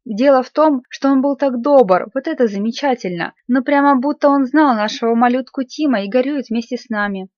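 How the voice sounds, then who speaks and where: A woman's voice: high-pitched, brisk, hardly any pauses, a little mellow, no room sound, close to an everyday voice. A woman reading as a tender grieving father. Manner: tender, earnest, choked with feeling. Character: grieving, gentle middle-aged father clerk. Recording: slightly muffled dry recording.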